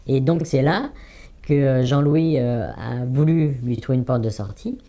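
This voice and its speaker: A man's voice: medium pitch, unhurried, warm tone. A man in his forties giving an anonymous interview testimony, hesitant with many fillers and repeating words for emphasis. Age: 40s. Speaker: anonymous former trading student giving testimony.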